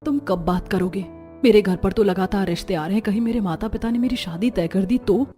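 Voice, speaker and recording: A woman voicing a timid young woman in love, speaking softly and with worry, in a cartoon story. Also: medium pitch, fairly quick, soft background music, lightly acted. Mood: worried. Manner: soft, worried and hushed.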